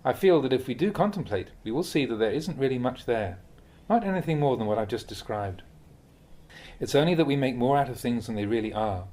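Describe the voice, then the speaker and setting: A Buddhist monk with a medium-pitched voice reads translated teachings aloud. He speaks in a measured, expressive way, like an audiobook of a spoken dharma talk.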